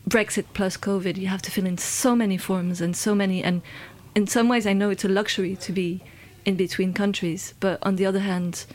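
A woman's voice: medium pitch, steady tone, a little fast, hardly any pauses, darkish tone. A London-born woman, a guest in a conversational interview, talking in a hesitant way with many fillers and restarts.

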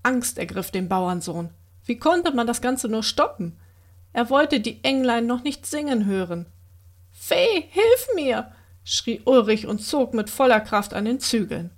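A woman with a slightly high voice reading a bedtime story to young children. Her reading is gentle and expressive. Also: measured pace.

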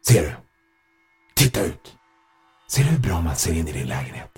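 A man voicing a cold, menacing masked man whose voice runs through a metallic voice changer, hushed and threatening, in an audiobook. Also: extremely low pitch, big pitch swings, slightly rough, soft background music, full character voice. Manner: hushed, threatening, spits curses. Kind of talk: audiobook narration.

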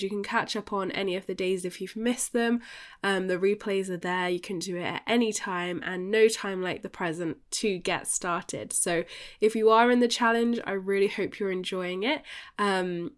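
A British woman sounds stuffed up and nasal, as if full of flu. She hosts a solo podcast in an informal, effusive way, chatting straight to her listeners at a middling pitch. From United Kingdom. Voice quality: nasal, bunged-up voice. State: congested with lingering flu. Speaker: podcast host and life coach.

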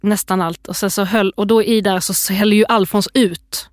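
A woman's voice: medium pitch, steady tone, no echo. A woman co-hosting a casual chat, telling stories animatedly and acting out her toddler's lines. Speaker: podcast co-host.

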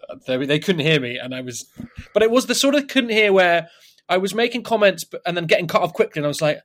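A man co-hosting a casual film podcast, excitable and joking, his microphone input clipping and distorted. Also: sits high, fast talker, slight background noise. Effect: clipping, distorted mic audio. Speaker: podcast co-host.

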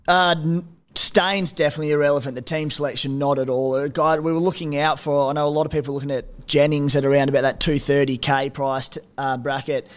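Higher-voiced man with a broad Australian blokey manner. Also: fairly even intonation, brisk. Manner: blokey and slangy, with broad Aussie expressions. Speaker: sports podcast co-host. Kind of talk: casual fantasy rugby league chat.

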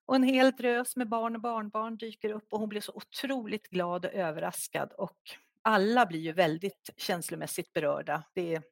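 A middle-aged woman, a guest author in an interview, telling a personal story in a soft, halting, reflective way. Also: medium pitch, fairly even intonation, gravelly, no room sound, studio quality.

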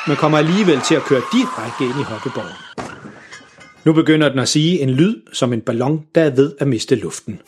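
A man reading a children's story aloud in a lively, expressive way. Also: mid-range voice, background noise.

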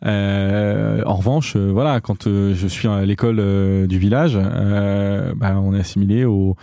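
Hesitant Frenchman, low warm voice. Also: fairly even intonation, measured pace, vocal fry, dry recording, studio quality. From France. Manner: hesitant, many fillers and restarts. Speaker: interview guest, company founder. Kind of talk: casual interview talk.

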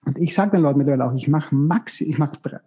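A man's voice: a little high, quick pace, warm tone, husky. A man who works in casting, talking casually and reflectively, giving practical advice with frequent restarts. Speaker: casting director. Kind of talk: casual expert discussion.

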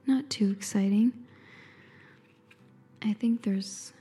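A woman in an intimate ASMR whisper, close as if right in the listener's ear, calmly describing and reading aloud without hurry. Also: mid-range voice, slow pace, husky, soft background music. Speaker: ASMR host.

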